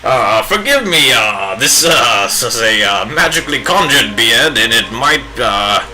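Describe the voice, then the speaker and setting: Hamming it up while painting live, a man plays a pompous, bearded old wizard in a put-on British accent, his drawn-out theatrical speech grandiose and hammy. His voice is medium in pitch with big pitch swings. The rough recording picks up crowd noise.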